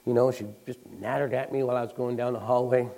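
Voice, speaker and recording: A man's voice: medium pitch, little pitch movement, quick pace, creaky, warm tone, poor audio. A man preaching a conversational sermon, telling stories in a folksy way with fillers and restarts, acting out the people he quotes.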